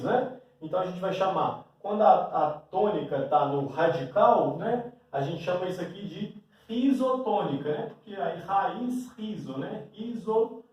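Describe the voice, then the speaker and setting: High-voiced male teacher in an echoey room. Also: a little mellow. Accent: Brazilian Portuguese. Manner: explains at a board, often adds a questioning "né?". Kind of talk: classroom grammar lesson. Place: classroom with a board. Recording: very echoey room, mic far away.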